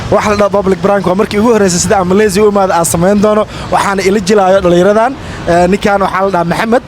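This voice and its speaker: A man hosting a casual prank vlog on a city street, chatty and quick, slipping English into his talk. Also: sits high, fairly even intonation, a little hiss or hum. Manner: rapid, chatty, mixes in English phrases. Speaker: prank vlogger.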